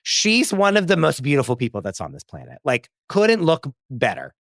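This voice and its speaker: A man co-hosts a pop culture podcast, gushing and emphatic and leaning on "like". His pitch swings a lot, and the close mic sounds dry. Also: wildly swooping pitch, moderate pace, vocal fry, no room sound. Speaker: podcast co-host. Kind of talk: casual pop culture chat.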